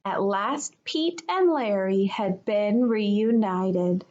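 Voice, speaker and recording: The audio is dull as a kindergarten teacher reads a children's picture book aloud. She speaks slowly in a mid-range voice, keeping her reading expressive for the little ones.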